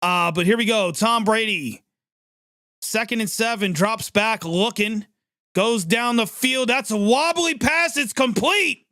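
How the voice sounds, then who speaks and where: Every play draws a fast reaction from this chatty, excitable man doing live play-by-play on a sports reaction livestream. His voice is fairly high, and the recording is dry and close without any room echo.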